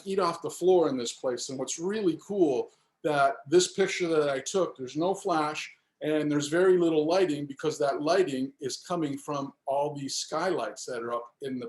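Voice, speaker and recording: A man's voice: on the high side, echoey room. A man with a Northeastern US accent giving a chatty, upbeat sales presentation over a video call. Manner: chatty, upbeat, filler-heavy. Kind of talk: webinar presentation.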